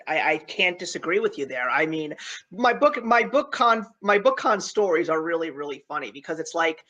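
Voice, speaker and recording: A woman hosting a live-streamed video chat, telling stories in a chatty, animated way and laughing often. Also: fairly low pitch, lo-fi sound. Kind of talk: casual chat.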